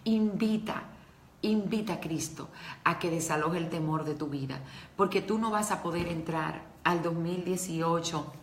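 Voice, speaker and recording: A woman preaches a devotional talk, earnest and emotional as she speaks straight to her listeners. Her voice sits a little low. It rings in a roomy echo with faint noise behind. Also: unhurried.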